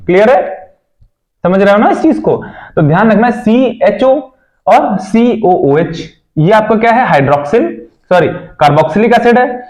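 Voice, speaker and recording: High-voiced male chemistry teacher. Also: lively intonation, unhurried, darkish tone. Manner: repeats questions to students, frequent checks like "theek hai". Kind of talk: explaining a chemistry lesson.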